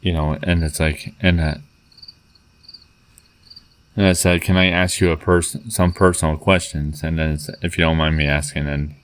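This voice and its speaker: A man with a very low voice tells a long personal story, stumbling through fillers and restarts. His delivery stays level and monotone. Faint crickets chirp in the background. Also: slight background noise. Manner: halting, many fillers and restarts. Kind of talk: rambling personal story, reading out chat messages.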